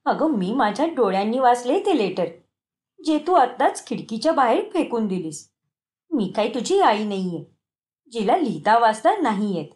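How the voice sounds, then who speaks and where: A woman's voice: a little high, very animated, moderate pace. A woman voicing an accusing young daughter-in-law. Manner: sharp, accusing.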